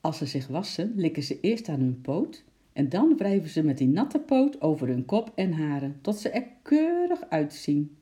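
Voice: mid-range voice, big pitch swings, normal speed, mellow, lightly acted. A storyteller voicing a friendly, proud zookeeper uncle who explains things in a hearty, raised voice.

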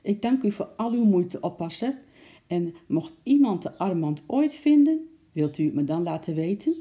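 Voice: mid-range voice, lively intonation, moderate pace, dark tone, voice pushed up, natural voice. A storyteller voicing an upset, polite well-to-do lady who speaks formally and anxiously.

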